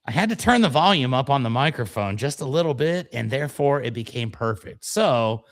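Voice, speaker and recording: Man, medium pitch, radio co-host, casual banter, mock-dramatic storyteller, self-deprecating. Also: lively intonation, a little fast. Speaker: show co-host and voiceover performer.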